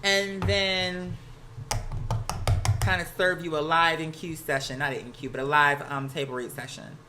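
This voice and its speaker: At home with laundry going nearby, an American livestreamer talks casually with plenty of camp, sass and slang. The voice is medium in pitch with fairly even intonation and a moderate pace, and some household noise comes through.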